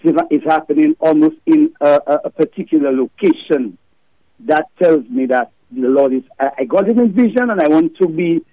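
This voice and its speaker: A man's voice: a little high, dry recording. Fervent man in a voice message. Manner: preachy, rambling, with rising fervent emphasis. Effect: recorded voice message played on air. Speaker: listener sending a voice note to a radio show. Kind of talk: impassioned religious monologue. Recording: dull lo-fi dry voice memo.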